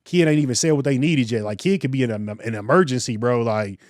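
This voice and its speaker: A man's voice: medium pitch, fast, no echo. Male podcast co-host, thirties, earnest and preacherly, dry close mic. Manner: earnest, preacherly, animated storytelling. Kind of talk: casual podcast discussion.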